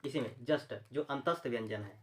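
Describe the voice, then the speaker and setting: A man's voice: medium pitch, normal speed. A man teaching a Hindi phonetics lesson for exam preparation, repeating terms and asking the viewer questions before answering them. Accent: Chhattisgarhi Hindi.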